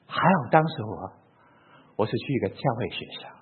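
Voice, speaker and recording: An older man from Hong Kong, a professor, giving an animated personal faith testimony and posing rhetorical questions as he tells his story. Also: lowish voice, fairly quick, slightly rough. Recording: tinny phone-like lo-fi sound.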